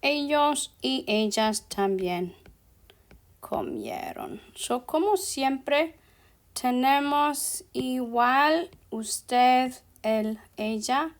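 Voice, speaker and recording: Very slow, deliberate woman teacher. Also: high-pitched. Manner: slow, deliberate, mixes English fillers like "so" and "ok". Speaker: Spanish teacher. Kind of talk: slow classroom explanation.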